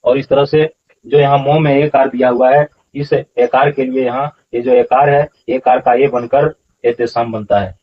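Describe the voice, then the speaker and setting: A man's voice: medium pitch, fairly even intonation, moderate pace, muffled recording. A man explaining scripture verses as a teacher, patiently repeating pronunciations syllable by syllable. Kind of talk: explanatory lesson.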